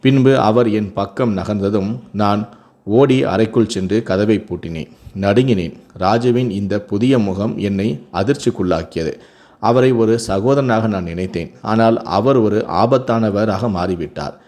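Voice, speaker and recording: A man's voice: lowish voice, unhurried, darkish tone. A man narrating a scripted first-person family story, reading steadily with occasional self-corrections.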